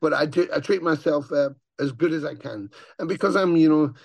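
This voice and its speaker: A man with a gravelly growl, chatting casually as an interview guest and swearing as he tells stories. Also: fairly high pitch, a little fast, dry recording. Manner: swearing, animated storyteller who acts out voices. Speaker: touring metal musician, guest.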